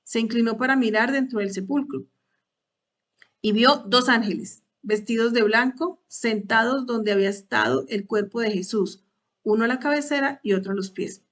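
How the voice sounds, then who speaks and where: A woman's voice: on the high side, moderate pace, fairly bright tone. A woman leading a Bible study talk for women, hesitant at times, repeating words and asking rhetorical questions.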